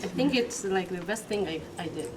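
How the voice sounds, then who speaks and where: A young Argentine woman gives a casual introduction to an art exhibition, speaking non-natively in an expressive, mid-range voice. Her pace is slow, with hesitations and lots of fillers. Recorded by a distant room mic in a hall full of people, she sounds far off over the noisy ambience.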